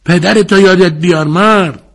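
A man voicing an excitable grown male gambler in an audiobook, shouting in a high, drawn-out voice. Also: slightly rough. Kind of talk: audiobook character voice.

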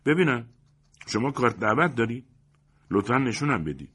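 A man voicing a brash, nosy male best man at a wedding, loud and mocking. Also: medium pitch, sing-song, breathy edge, voice pushed up. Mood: bossy.

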